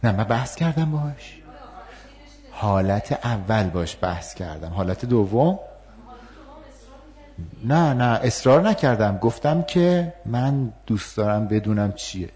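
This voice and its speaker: A man teaching a communication workshop, talking in a lively, questioning way with many fillers. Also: lowish voice. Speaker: workshop trainer. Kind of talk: interactive communication lesson.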